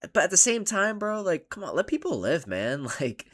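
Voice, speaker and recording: A man hosting a casual reaction video, ranting in an animated and sarcastic way. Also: high voice, normal speed.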